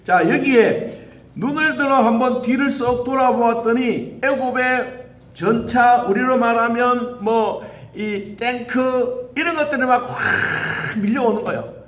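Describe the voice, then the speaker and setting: A male pastor preaching a lively sermon, acting out quoted voices and leading the congregation in call-and-response. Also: extremely high pitch, measured pace. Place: church sanctuary. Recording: echoey church hall.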